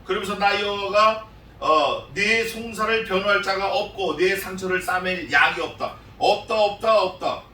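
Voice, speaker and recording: A male pastor preaches an expository sermon in an emphatic, repetitive style, his voice high, pushed and bright. The recording is from a distant mic in a church sanctuary, sounding echoey with slight background noise.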